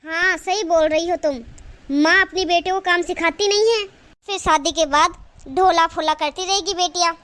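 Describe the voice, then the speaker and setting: A woman's voice: extremely high pitch, steady tone, normal speed, fairly bright tone. A woman voicing a gossipy cartoon neighbour aunty. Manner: gossipy, agreeing.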